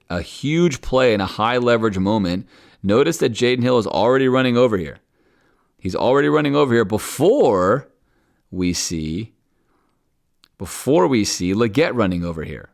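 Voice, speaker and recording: Male podcast host, deep voice, animated film-review commentary. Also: gravelly. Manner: animated, acts out coaches and players in quoted asides.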